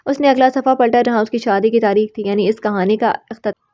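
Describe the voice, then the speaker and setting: A woman narrating a romance novel in a calm, even storytelling voice. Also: on the high side. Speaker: audiobook narrator. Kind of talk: reading a romance novel aloud. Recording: slightly muffled recording.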